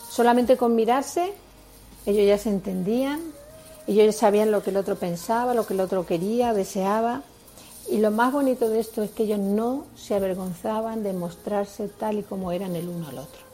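A woman's voice: mid-range voice, dark tone. A woman with a Spain Spanish accent preaching a sermon on marriage, earnest and explanatory, often asking rhetorical questions.

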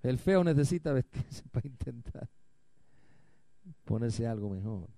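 A male pastor preaching a sermon to his church, firing rhetorical questions at the congregation and swinging from loud, emphatic lines to quiet ones. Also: medium pitch, lively intonation, measured pace, gravelly, no echo.

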